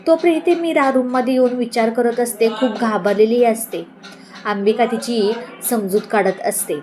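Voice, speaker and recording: A woman's voice: on the high side, moderate pace, a little mellow. A woman casually retells a TV serial episode, slipping into the characters' lines as she goes. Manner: storytelling, slipping into quoted dialogue. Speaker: TV serial recap narrator.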